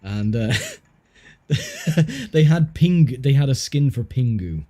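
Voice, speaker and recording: A man's voice: medium pitch, huge pitch swings, takes it slowly, mellow. A man streaming, telling rambling stories in casual chat with a friend. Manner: rambling, self-interrupting storyteller.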